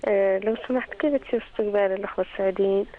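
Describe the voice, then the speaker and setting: A woman's voice: medium pitch, steady tone, rapid-fire. Woman, Saudi Gulf accent, phone caller, polite, tinny phone line. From Saudi Arabia. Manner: polite, direct questions. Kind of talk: casual phone call.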